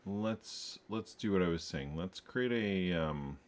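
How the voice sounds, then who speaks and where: A man with a low, animated voice speaks slowly while streaming his coding, thinking aloud with wry asides and frequent self-corrections. Faint keyboard typing can be heard behind him.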